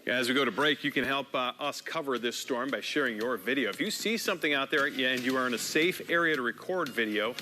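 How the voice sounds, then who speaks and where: A man's voice: mid-range voice, brisk, few pauses, bright, forceful tone. A man anchoring the news in a broadcast delivery.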